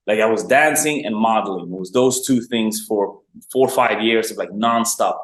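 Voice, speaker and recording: A man's voice: on the low side, moderate pace, fairly bright tone. Rambling man in a roomy space. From Sweden. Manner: loose, rambling, upbeat, with many "like" fillers and laughs. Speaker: guest, online marketer for dancers. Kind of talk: casual interview chat. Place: remote call from abroad. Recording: roomy echo.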